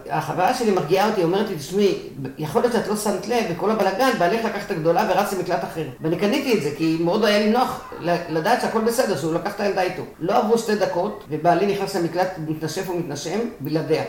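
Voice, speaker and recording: An older woman recounting a personal war memory in an interview, emotional and vivid, acting out what she shouted. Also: lowish voice, roomy sound. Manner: emotional storytelling, acts out quoted shouts.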